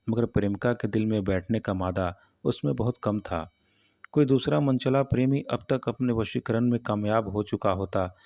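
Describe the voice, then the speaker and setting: A man reads a classic short story aloud in a steady, measured storybook style. His voice is low and mellow. The recording is close and dry, with a dull, muffled sound. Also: no room sound. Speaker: narrator. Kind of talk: storybook narration of a classic tale.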